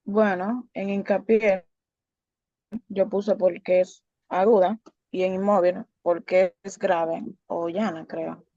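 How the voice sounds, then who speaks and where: Slow, flat-voiced woman student. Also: medium pitch, dry recording, muffled recording. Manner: hesitant, unsure answer.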